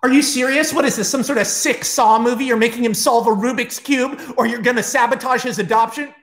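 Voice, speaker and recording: A man's voice: very high voice, fairly quick, fairly bright tone, reverberant, pitched above the performer's own voice. A man voicing a paranoid young woman, an addict, protesting in a raised, incredulous voice. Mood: indignant.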